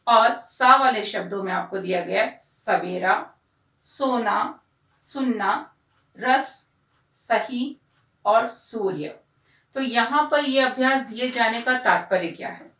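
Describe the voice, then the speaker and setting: A woman teaching a primary school lesson, explaining slowly and repeating words so children hear the pronunciation. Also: fairly high pitch, fairly bright tone. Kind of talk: classroom lesson. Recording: echoey room, voice from a distance.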